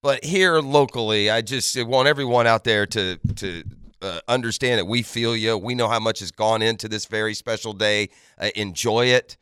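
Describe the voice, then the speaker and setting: A sports radio morning show host speaks in a bright, clear, lowish voice at a moderate pace. He delivers an earnest, emphatic, conversational monologue straight to his listeners, leaning on his points. The recording is dry and close, like a studio microphone.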